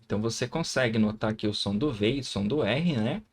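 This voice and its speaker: A man's voice: medium pitch, expressive, quick pace, husky. A man with a Brazilian Portuguese accent teaching a recorded grammar lesson, patiently sounding out syllables and often checking in with the viewer.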